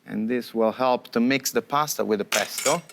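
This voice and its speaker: A man's voice: medium pitch, normal speed, creaky, noisy background. A man with an Italian accent, a guest chef explaining a pesto recipe step by step in broken English on a morning show. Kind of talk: cooking demonstration on morning TV.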